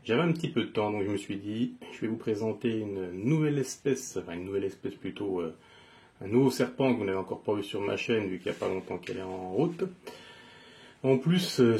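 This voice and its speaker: A man with a Jura French accent casually presenting his pet snake on his channel, relaxed and hesitant with many fillers. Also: fairly low pitch, vocal fry, husky. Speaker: reptile keeper and channel host. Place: indoors beside a terrarium.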